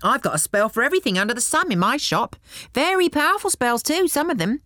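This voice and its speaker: Lady doing a high-pitched goblin shopkeeper guy, brags fast, storybook voice. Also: very animated, fairly bright tone, no room sound, clean studio sound. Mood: boastful. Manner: quick, boastful salesman patter. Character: strange boastful male goblin shopkeeper.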